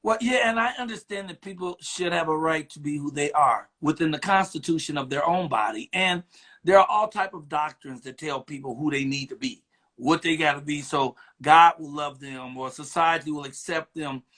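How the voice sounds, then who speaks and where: A comedian interviewing a guest, riffing in an animated, preachy way. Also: male voice, a little high, moderate pace. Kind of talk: casual interview chat.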